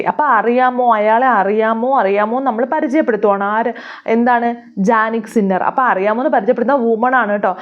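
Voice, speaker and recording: A woman's voice: a little high, highs cut off. Woman teacher quizzing herself aloud. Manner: repeats key names, asks and answers own questions. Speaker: exam coaching teacher. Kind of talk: casual explanatory lesson.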